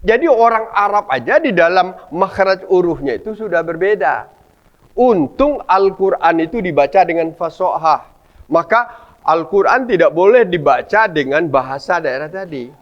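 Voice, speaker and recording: A lively preacher speaks to a mosque study group. His voice sits a little high for a man and carries a lot of expression, and he keeps throwing rhetorical questions back at the audience. The recording sounds dull and lo-fi. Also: normal speed.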